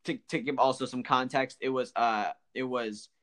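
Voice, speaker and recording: Man, podcast co-host, casual chat, halting with lots of fillers, medium-pitched voice. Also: fairly even intonation, a bit bright. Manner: halting, full of fillers and restarts.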